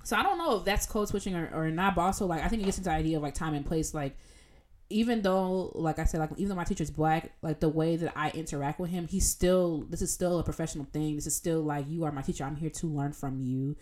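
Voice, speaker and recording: A young adult woman with a low-pitched voice talks fast as a student co-host in a casual chat. She tells stories in an animated, informal way, sprinkling in quoted asides.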